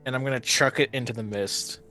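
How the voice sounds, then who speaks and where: A man at a tabletop role-playing game talks in casual, halting banter. His voice sits at a middling pitch, with faint music behind it. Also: steady tone, bright, forceful tone.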